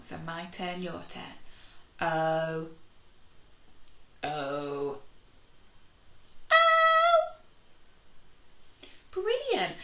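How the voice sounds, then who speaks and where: A woman teaching a phonics lesson to young children to camera, speaking slowly and clearly with frequent praise. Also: medium pitch, fairly bright tone, roomy sound, highs cut off, slight background noise. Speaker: primary school teacher.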